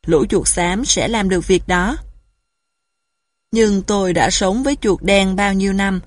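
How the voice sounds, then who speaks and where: A woman voicing a gloomy old male crane who complains in a weak, hoarse voice in a storybook reading. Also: mid-range voice, unhurried, no room sound, studio quality, lightly acted. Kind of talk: storybook narration.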